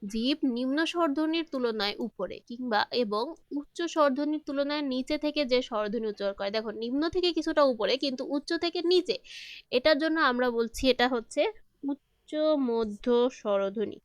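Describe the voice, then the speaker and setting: A woman's voice: high-pitched, moderate pace, no echo. Woman teacher walking through quiz answers. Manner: patient, asks questions then answers them. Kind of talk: explaining multiple-choice answers.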